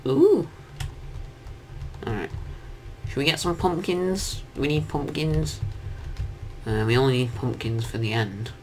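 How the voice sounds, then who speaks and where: A man's voice: medium pitch, animated, takes it slowly, pauses often, slight background noise. A young man giving casual, jokey commentary on his own gameplay, chatting to himself and his viewers. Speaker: gaming commentator. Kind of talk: casual let's-play commentary.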